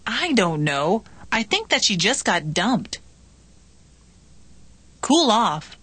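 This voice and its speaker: A woman reading scripted practice dialogues for a language lesson in a clear, measured way. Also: mid-range voice, big pitch swings, fairly bright tone, no room sound.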